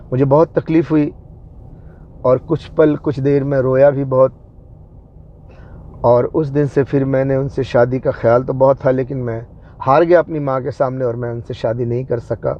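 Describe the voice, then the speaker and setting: A man's voice: medium pitch, fairly even intonation, moderate pace. A man telling a story from his own life in a casual spoken way, often stopping to repeat and restart his phrases. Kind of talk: casual spoken personal recollection. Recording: dull lo-fi recording.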